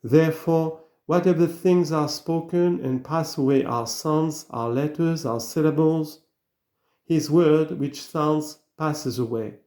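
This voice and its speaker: A man giving a slow, earnest reading of an old sermon, full of rhetorical questions. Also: on the high side, warm tone, roomy sound. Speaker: reader of sermons.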